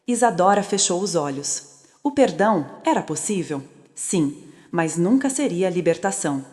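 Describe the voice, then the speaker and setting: A woman's voice: on the low side, very animated, darkish tone. Solemn woman narrating a story. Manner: slow, solemn, short dramatic phrases. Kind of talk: scripted dramatic narration. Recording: long reverb.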